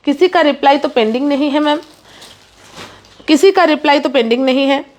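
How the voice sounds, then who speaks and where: A woman with a high, light voice runs a live saree sale. She rattles off prices and repeats her calls to book fast, slipping English words into a pushy, rapid patter. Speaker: online saree seller. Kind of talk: live sales stream.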